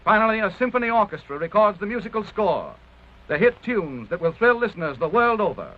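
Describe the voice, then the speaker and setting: The narrator of a 1930s promotional film, an American man, reads his script in a grandiose, formal announcer style, high-pitched, a little fast, and with big pitch swings. The dull vintage soundtrack is very noisy and carries orchestral music.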